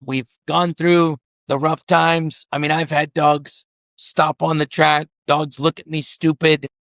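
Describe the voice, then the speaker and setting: Man w/ a gravelly creaky voice, a bit high, jokey casual chat, dry close mic. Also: flat delivery, takes it slowly, fairly bright tone, dry recording. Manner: joking, chimes in and finishes her sentences. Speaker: guest, harness business co-owner.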